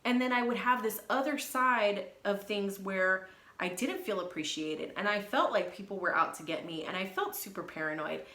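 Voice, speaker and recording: A woman's voice: mid-range voice, moderate pace, pushed and bright, reverberant. A young woman, a hairstylist, talking frankly and emotionally about her past failures in a candid vlog. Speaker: beauty vlogger and hairstylist.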